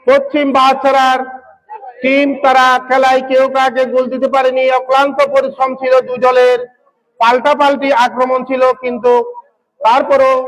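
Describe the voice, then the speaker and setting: Male football commentator, very high and fairly monotone pitch, excitable shouted calls, repeats names. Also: rough recording. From Bangladesh. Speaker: local football match commentator and announcer. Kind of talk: live football penalty shootout commentary. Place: outdoor local football ground.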